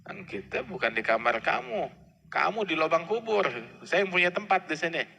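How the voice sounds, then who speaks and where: A preacher doing a blunt questioning grave angel. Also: male voice, sits high, lively intonation, normal speed, vocal fry, bright, forceful tone, in a large hall, pitched above the performer's own voice, exaggerated voice. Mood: incredulous. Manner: casual, blunt, street-style talk.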